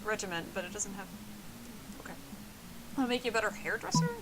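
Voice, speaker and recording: A woman's voice: mid-range voice, big pitch swings, fairly quick. A woman streamer reading game text aloud in a playful, giggly way. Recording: noisy stream audio.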